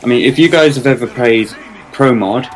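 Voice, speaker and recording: Young male guest, mid-pitched, blunt and opinionated, faint line noise. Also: normal speed, rough recording. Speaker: podcast guest. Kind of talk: casual opinionated chat.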